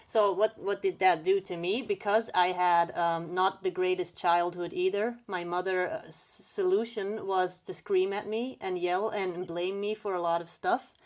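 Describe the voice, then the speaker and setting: A woman guest in a casual chat, telling a personal story in an earnest way with halting restarts. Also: fairly low pitch, steady tone.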